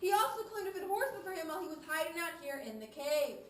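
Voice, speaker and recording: A woman's voice: extremely high pitch, very animated, fast, fairly bright tone. A woman working as a tour guide, delivering a rehearsed guided talk. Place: inside a large underground cave. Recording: echoey cave, distant mic, faint noise.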